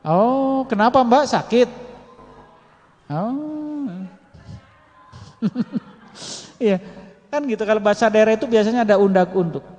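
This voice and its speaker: A high-pitched male religious teacher, speaking in a loose, chatty way and teasing the women in his audience. His voice rings out in a big hall with a long echo trailing behind each phrase. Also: a little slow, pauses often, darkish tone, dull audio. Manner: chatty, teasing, addresses women listeners directly. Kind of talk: casual Friday religious talk.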